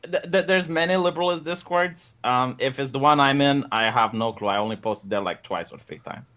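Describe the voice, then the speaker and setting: A man debating on a casual livestream, talking fast with stammered restarts. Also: medium pitch, a bit bright. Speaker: guest debater.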